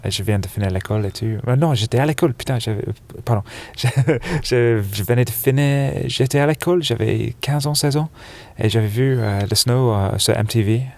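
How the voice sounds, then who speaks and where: On a sofa in a dark exhibition hall, a snowboard shop buyer from England chats in French as an interview guest, his English accent carrying a slight American touch. He's relaxed but hesitant, using many "euh" fillers and laughing easily. His medium-pitched voice moves a little fast with hardly any pauses.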